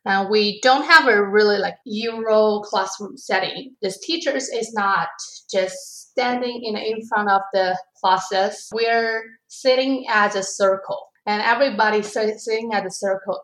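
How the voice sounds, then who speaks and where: A young woman from China speaks English with a Chinese accent. She tells her own story as a graduate student, pausing and restarting words as she goes. Her voice is at an ordinary pitch for a woman. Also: fairly bright tone, rough recording. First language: Mandarin Chinese. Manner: halting, with frequent restarts and self-corrections. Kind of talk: personal storytelling.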